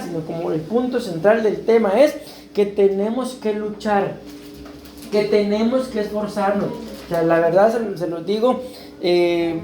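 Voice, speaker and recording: A man's voice: high voice, dark tone. A man preaching a sermon as pastor, talking in a conversational way and often checking in with his listeners. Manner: conversational preaching, keeps asking "¿verdad?". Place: church hall. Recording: echoey church room, faint background noise.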